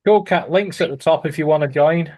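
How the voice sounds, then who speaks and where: A man's voice: fairly high pitch, brisk, a little mellow, no echo. A man hosting a live stream, chatting casually with wry banter and the odd swear.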